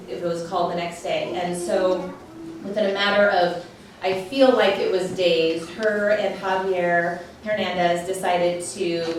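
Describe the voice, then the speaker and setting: A young woman speaking at a charity concert, close to tears, halting with ums and nervous laughs. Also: lowish voice. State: close to crying. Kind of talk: emotional speech to a live audience. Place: concert hall. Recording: echoey hall, distant mic, room noise.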